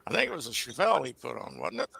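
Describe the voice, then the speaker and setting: Very gravelly older American man. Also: mid-range voice, huge pitch swings, racing, pushed and bright, dry recording. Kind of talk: casual chat and storytelling. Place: indoor room on a video call.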